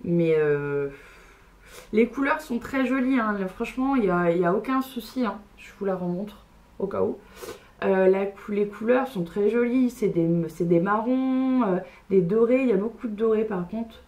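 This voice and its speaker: A woman's voice: medium pitch, animated, normal speed, darkish tone. Chatty woman vlogger with many fillers. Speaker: beauty vlogger. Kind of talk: casual makeup haul unboxing.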